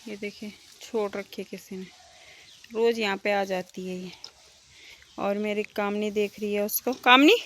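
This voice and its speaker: Bright-voiced Uttarakhandi village vlogger woman. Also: medium pitch, steady tone, a little slow, a little hiss or hum. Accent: Uttarakhandi Hindi. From Uttarakhand, India. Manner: chatty, switching to loud coaxing when calling her cows. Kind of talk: casual daily-life vlog narration. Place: outdoors around a village home and cowshed.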